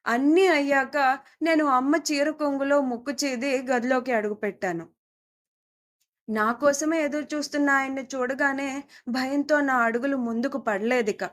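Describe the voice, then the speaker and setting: A woman narrating a first-person audio story in a soft, intimate storytelling manner, voicing the lines of the people in it. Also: high-pitched, steady tone, moderate pace.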